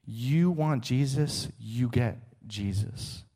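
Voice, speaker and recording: A man's voice: medium pitch, drawn-out words, mellow, slightly rough. A middle-aged man preaching a sermon, emphatic and rhetorical, often checking in with the listener.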